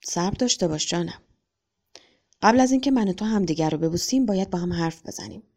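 Stern lawyer father, measured scolding, storybook reading by a woman, dark voice. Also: lowish voice. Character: stern lawyer father, lecturing his son.

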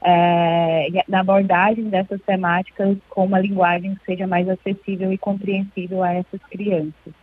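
A woman guest in an interview, explaining at length in a measured way with frequent hesitations. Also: medium pitch, flat delivery, a little hiss or hum. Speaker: interview guest, children's book club representative. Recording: thin phone-line sound.

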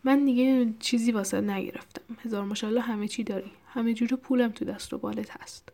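An affectionate middle-aged father, read by a woman narrating a novel. He speaks warmly and fondly to his grown child. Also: fairly high pitch, steady tone, gravelly.

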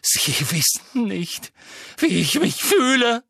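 A man voicing a furious, grieving teenage boy wizard who shouts with a trembling voice. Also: mid-range voice, expressive, drawn-out words, vocal fry, slightly rough, no room sound, studio quality, full character voice.

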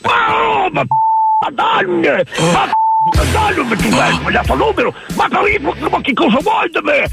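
A man's voice: extremely high pitch, huge pitch swings, unhurried, gravelly, exaggerated voice. A man playing a furious, foul-mouthed victim of a comic prank call, stammering and repeating his outbursts. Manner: shouting, stammering, repetitive outbursts. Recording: loud music behind shouted voice.

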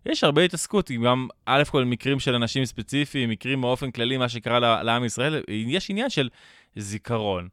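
A man with an Israeli accent speaks in casual conversation. His medium-pitched voice is clean and resonant, recorded dry. He explains by way of examples and rhetorical questions. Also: expressive, fairly bright tone, no echo.

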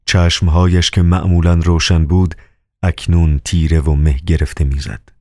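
A man narrating a novel as an audiobook, with a measured, solemn reading. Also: low-pitched, flat delivery, darkish tone, no room sound, studio quality.

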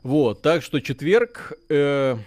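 A man co-hosting a live gaming stream, chatty and excitable, rambling with fillers as he talks. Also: on the high side, takes it slowly. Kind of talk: casual live stream chat.

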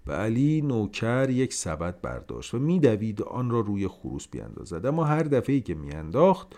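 A man reading a literary story aloud for a podcast, with expressive, dramatic pacing. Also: lowish voice.

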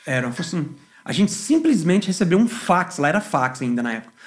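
A man, a band musician telling stories on a casual podcast in an animated, slangy way. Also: high voice. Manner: animated, slangy, swears freely.

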